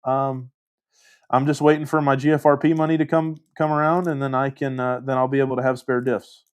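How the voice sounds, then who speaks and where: Hosting a livestream in a relaxed way, a man reads out viewer comments and rambles, laughing at himself. His voice is clean, level, and mid-pitched, moving a little fast.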